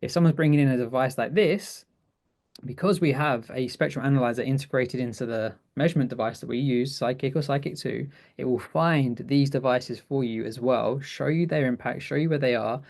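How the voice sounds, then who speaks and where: A man's voice: medium pitch, brisk, gravelly, a little mellow. A man co-presenting a webinar, chatting casually through a technical demo with frequent restarts and easy laughs. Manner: chatty, self-correcting, laughs easily.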